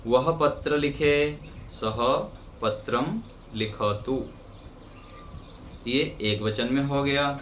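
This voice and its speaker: A man teaching Sanskrit grammar in a slow classroom lesson, patiently repeating sentences word by word. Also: mid-range voice, fairly bright tone. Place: ashram classroom with birds outside. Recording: faint background noise.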